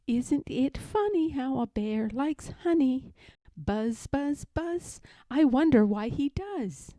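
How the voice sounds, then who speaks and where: A woman's voice: sits high, animated, takes it slowly, dark tone, dry recording, voice pushed up. A woman voicing a small male bear from a storybook, earnest and muddled, musing ponderously in a simple-minded way. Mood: singsong. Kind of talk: storybook character voice.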